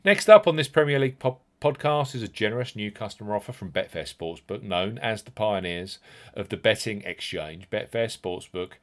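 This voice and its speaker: A man's voice: fairly low pitch, fairly bright tone. A man hosting a podcast, reading scripted promotional narration with an emphatic sales delivery and stressed key words. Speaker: podcast host.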